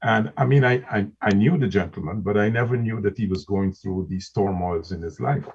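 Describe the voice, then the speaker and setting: A man with a very deep, husky voice talks in a relaxed podcast discussion. He often stumbles and repeats words before finishing his thoughts. The recording sounds muffled and lo-fi. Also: fairly quick. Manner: hesitant, with many restarts and repeated words. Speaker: podcast co-host.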